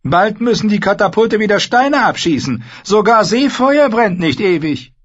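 A man voicing a sharp-tongued dwarf lord giving curt orders in battle. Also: sits high, animated, normal speed, pitched above the performer's own voice. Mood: commanding. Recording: slightly dull lo-fi recording.

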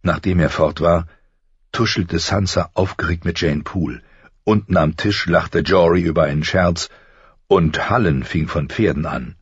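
A man calmly reading an audiobook narration. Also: deep voice, a little slow, breathy edge, no room sound. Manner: calm, even storytelling. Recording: slightly muffled dry recording.

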